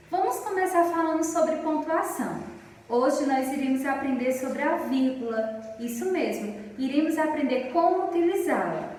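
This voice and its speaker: A woman from Brazil, a primary school teacher, giving a recorded lesson for children in an affectionate, slow, explanatory way, reading example sentences aloud drawn out. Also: high voice. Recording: echoey room, distant mic, faint noise.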